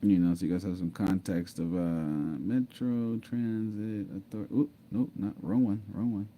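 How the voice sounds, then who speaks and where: Man, low voice, very dark and mellow tone, casual storytelling, keeps repeating himself. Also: fairly even intonation, moderate pace, a little hiss or hum. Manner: conversational, repeats himself, laughs often, says "mind you". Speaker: vlogger telling his own story. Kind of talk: casual storytelling over screen share.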